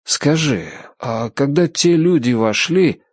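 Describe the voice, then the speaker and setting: A man's voice: on the high side, expressive, slow, dry recording, studio quality. A man playing a baffled ordinary guy. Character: bewildered ordinary young man, flustered.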